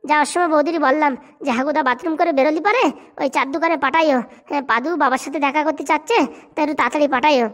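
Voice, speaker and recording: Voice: high voice, fairly even intonation, racing, fairly bright tone. A voice actor playing an indignant young village man in a cartoon comedy, arguing and reproaching.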